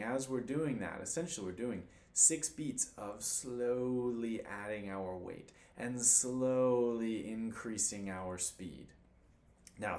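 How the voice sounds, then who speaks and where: A man's voice: medium pitch, darkish tone. A man teaching cello in a patient, encouraging way, counting beats aloud as he demonstrates. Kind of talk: instructional demonstration. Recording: roomy room with faint noise.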